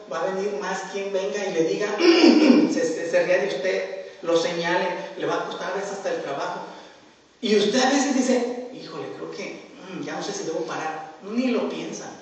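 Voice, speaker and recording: High-voiced man preaching in an echoey hall. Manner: animated storytelling, acting out scenes. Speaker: pastor. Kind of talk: sermon. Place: church sanctuary. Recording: echoey church hall from far off.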